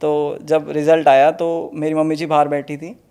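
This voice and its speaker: A man's voice: a little high, level tone, moderate pace, dark tone, smooth. Earnest young man telling his story. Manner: earnest, storytelling, says "sir" often. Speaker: interview guest, exam topper. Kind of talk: conversational interview.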